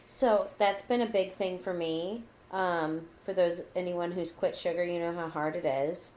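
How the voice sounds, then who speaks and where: She speaks at a measured pace in a lowish, darkish voice with fairly even intonation. Co-hosting a casual podcast, she rambles along with many "likes" and sometimes slips into a pretend newscaster voice for her cat segment.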